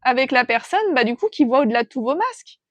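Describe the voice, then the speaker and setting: Gentle, hesitant tarot-reading woman. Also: high-pitched, very animated, no room sound, dull audio. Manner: hesitant, gentle, pauses to sense the cards. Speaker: tarot reader. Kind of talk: intuitive tarot reading, thinking aloud.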